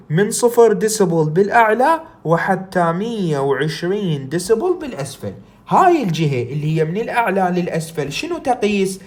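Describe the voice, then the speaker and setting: Her voice medium in pitch with a darkish tone, an Iraqi-accented woman lectures on a recording. She works slowly through English passages before explaining them in Arabic, regularly asking her own questions and supplying the answers.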